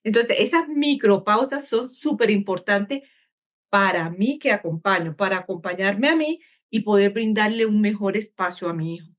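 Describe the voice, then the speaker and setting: A woman clinical psychologist giving calm, measured advice in an interview, slowing down and stretching words to show how to breathe. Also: medium pitch. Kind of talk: calm explanatory interview talk.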